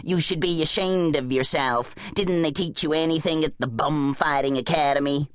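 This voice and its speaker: A man voicing a smug, taunting talking bum in a children's audiobook, drawling his mockery slowly. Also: a little high, a bit bright, clean tone, dry recording, studio quality, close to an everyday voice. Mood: mocking. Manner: sneering, drawn-out mockery. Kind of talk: audiobook character voice.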